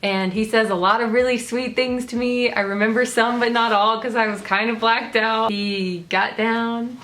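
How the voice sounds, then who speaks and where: A woman's voice: a little high, steady tone, normal speed, fairly bright tone. Chatty young woman vlogger. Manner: chatty, frequent "like" fillers. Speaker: vlogger and host. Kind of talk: casual storytelling chat.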